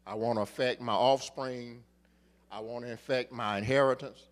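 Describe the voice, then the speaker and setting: A middle-aged man preaching a sermon, repeating phrases for rhythm and building to emphatic shouts. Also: medium pitch, steady tone, moderate pace.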